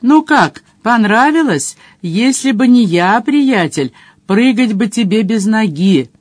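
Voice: mid-range voice, animated, slow pace, no echo. A reader voicing a brash, streetwise male otter rogue who teases his companions with slangy banter in an audiobook. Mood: boastful. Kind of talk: audiobook character voice.

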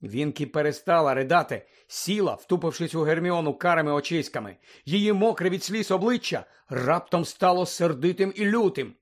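A man narrating a children's fantasy novel as an audiobook, in a steady storytelling delivery. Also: on the high side, moderate pace, hardly any pauses. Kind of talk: scripted narration.

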